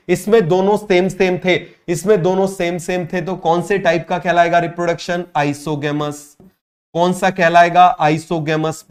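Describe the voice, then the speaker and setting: A man teaching a biology coaching class who repeats each point, keeps asking students to call out the answer, and drawls key English terms slowly. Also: fairly high pitch.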